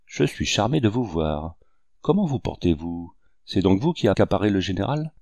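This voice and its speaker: A man's voice: low-pitched, very animated, normal speed, vocal fry, darkish tone, dry recording, full character voice. A man voicing a jovial Creole general in his thirties bringing urgent news.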